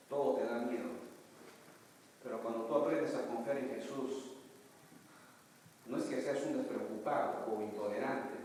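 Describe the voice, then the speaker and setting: Man, pastor, storytelling sermon, mid-pitched voice, booming church echo, distant mic. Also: slight background noise. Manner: storytelling preacher, building to loud emphatic passages. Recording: echoey church hall, mic far off.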